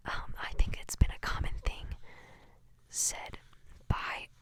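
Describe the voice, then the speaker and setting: This young woman makes ASMR, whispering slowly and softly near the mic while reading book quotes aloud. She breaks off for giggly, filler-heavy chatter.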